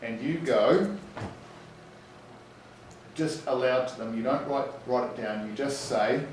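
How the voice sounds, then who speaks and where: Echoey male teacher slowly dictating spellings. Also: medium pitch, a little mellow. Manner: slow school dictation, spelling words out letter by letter. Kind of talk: classroom explanation with spelling aloud, informal. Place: echoey indoor room. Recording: echoey room, distant mic, background noise.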